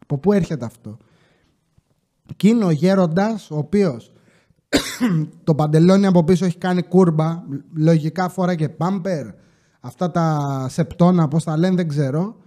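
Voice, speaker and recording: A man telling comic stories from his casino job in a loose, slangy, joking way, with coughs and quick asides. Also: fairly high pitch, warm tone. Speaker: podcast host telling casino work stories. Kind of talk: casual storytelling monologue.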